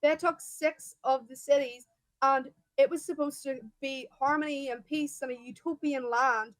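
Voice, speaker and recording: A young woman with an Irish accent argues her side bluntly and emphatically, often tripping over her words as she pushes on. Her voice sits high, and the recording is dry and close, with no room sound. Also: fairly even intonation, moderate pace, dry recording, poor audio. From Ireland. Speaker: guest debater. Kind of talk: heated debate.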